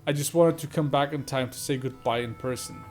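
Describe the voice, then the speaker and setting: A man's voice: mid-range voice, brisk, a little mellow, faint music behind, close to an everyday voice. A man doing a weary easygoing lady trucker. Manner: easygoing, self-deprecating. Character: laid-back female veteran trucker biker, tired. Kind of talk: reading game dialogue aloud.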